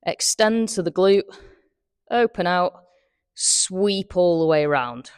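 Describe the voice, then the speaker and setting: A woman's voice: lowish voice, lively intonation, slow, clean tone, dry recording, studio quality. A woman, a golf fitness coach, talking through exercises step by step while demonstrating them, slightly out of breath.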